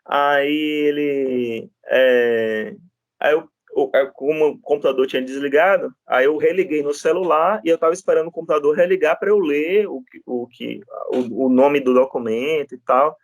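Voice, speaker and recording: A man with a Brazilian Portuguese accent gives a law lecture, telling courtroom stories in a loose, chatty way. His voice sits a little on the high side, and he keeps tossing in quick tag questions to his students. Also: fairly even intonation, no echo, studio quality. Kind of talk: informal lecture with anecdotes.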